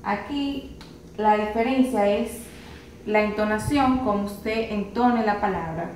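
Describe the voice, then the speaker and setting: Slow, patient woman teaching pronunciation. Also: mid-range voice, darkish tone, distant mic. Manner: slow, patient, spells out letters and repeats words. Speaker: English teacher. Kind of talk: pronunciation lesson. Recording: roomy echo, voice from afar, faint hiss.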